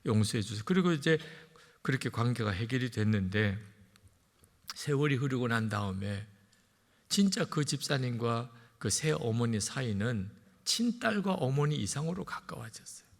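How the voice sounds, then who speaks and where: A middle-aged male pastor preaching a sermon in a lively way, acting out the voices of parents he quotes. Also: medium pitch. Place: large church sanctuary. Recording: long hall reverb.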